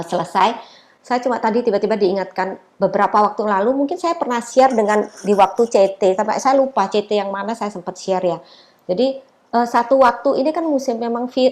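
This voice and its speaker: A middle-aged woman giving a casual, chatty testimony sermon at a prayer meeting, telling her story with many fillers. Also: medium pitch.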